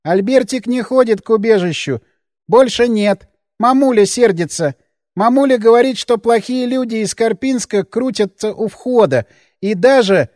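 A man's voice: lively intonation, moderate pace, no room sound, studio quality. Man doing a scared whiny childlike grown man. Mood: frightened pleading. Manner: frantic pleading, hushed hissing, high and whiny. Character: timid childlike grown man, frightened, nervous, speaks of himself in third person. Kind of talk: audiobook character voice.

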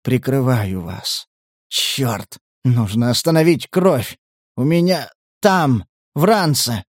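A man's voice: a little high, expressive, takes it slowly, no echo, clean studio sound. Man doing a wounded scout, strained and pleading. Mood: weak pain. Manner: strained, desperate. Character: wounded young male scout, pleading in pain.

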